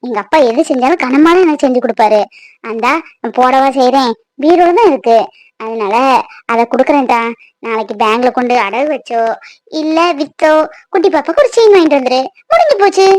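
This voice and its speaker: Woman as a sweet young cartoon wife, squeaky high voice, dry close studio sound, soothing and patient. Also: lively intonation, fairly quick, a little mellow, no echo, low-quality recording. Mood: calm advice. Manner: soothing, coaxing. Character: young devoted wife, gentle and reassuring.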